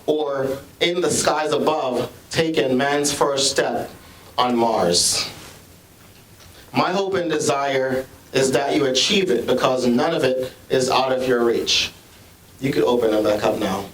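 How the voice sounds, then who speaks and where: A Jamaican-accented man with a mid-range voice, a school administrator, gives a ceremony speech to students in a large school library. He sounds earnest and measured but keeps restarting. The recording is echoey and distant, with slight background noise.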